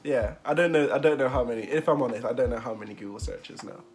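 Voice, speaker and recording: A man's voice: medium pitch, quick pace. Chatty young man rambling and laughing. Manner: rambling, chatty, laughs often, lots of fillers. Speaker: vlogger. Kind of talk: casual interview vlog.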